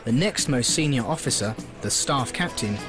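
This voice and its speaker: A man giving scripted documentary narration in a measured, expressive way. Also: medium pitch, over music.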